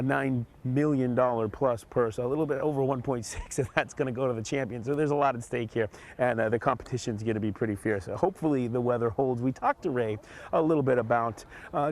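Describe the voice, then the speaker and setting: A man field reporter delivering a live report outdoors at a golf course, speaking in a hushed on-site voice. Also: mid-range voice.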